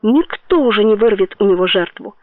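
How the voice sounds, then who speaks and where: A woman narrating a dramatic novel in a steady storytelling voice. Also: medium pitch, fairly quick, dry recording. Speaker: audiobook narrator. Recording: tinny phone-like dry sound.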